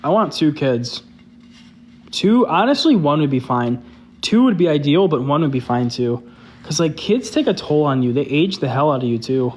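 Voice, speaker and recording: Speaking at a normal speed with lively intonation, a young male creator hosts a live stream in a loose, candid way. His voice is a little high, and he leans heavily on the word "like" as he chats.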